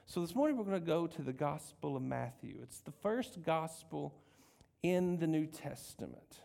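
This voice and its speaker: Man, middle-aged, pastor, casual sermon, storytelling, gravelly, slightly high voice. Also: expressive, normal speed, darkish tone. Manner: storytelling, jokey asides, asks the congregation questions.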